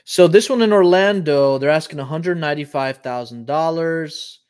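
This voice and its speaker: Hosting a live show indoors from his home office, a man from Puerto Rico in his thirties explains things in a relaxed way, often saying "um" as he thinks aloud. His voice is on the high side yet darkish, clean in tone, and moderately paced.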